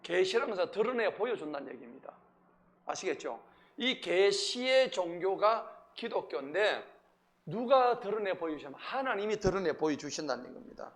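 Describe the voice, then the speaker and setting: A pastor preaching a Wednesday sermon in a church, animated, quizzing the congregation and acting out the Bible figures. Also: male voice, sits high, normal speed. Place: church sanctuary.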